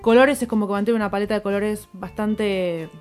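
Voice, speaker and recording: A woman with a Rioplatense Spanish accent, casually explaining fashion trends on a panel, animated and giving lists of examples. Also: medium pitch, fairly quick, faint music behind. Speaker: fashion commentator.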